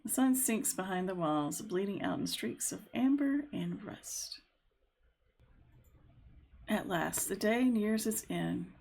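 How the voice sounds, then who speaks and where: A woman reading a story game aloud, slowly, with amused asides. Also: mid-range voice, animated, gravelly, a little mellow. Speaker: game streamer. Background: game music.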